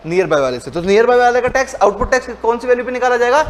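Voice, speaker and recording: A man teaching a commerce class, speaking casually and mixing English terms into his speech. He acts out both sides of the lesson, switching his pitch to play the student's questions and then answering them himself. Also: expressive, very fast. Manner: colloquial, mixes Hindi with English terms. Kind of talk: lecture with role-played dialogue.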